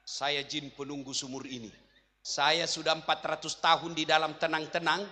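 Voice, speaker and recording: A man's voice: a little high, little pitch movement, normal speed, sharp tone. A man voicing a male jinn who guards an old well and complains about being disturbed, in an echoey hall. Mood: aggrieved. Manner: complaining, put-upon.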